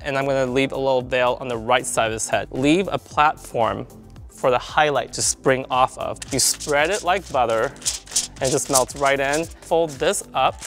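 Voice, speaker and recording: In a salon, a man gives a chatty, instructive hair-color tutorial, often checking in with viewers through "right?" and "you guys." His voice is mid-range and a bit bright.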